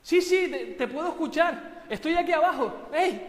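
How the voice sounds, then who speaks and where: Preacher putting on a panicky guy stuck on a cliff, yelling high and loud, echoey church hall. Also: lively intonation, unhurried. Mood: frantic. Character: frantic man hanging from a cliff branch.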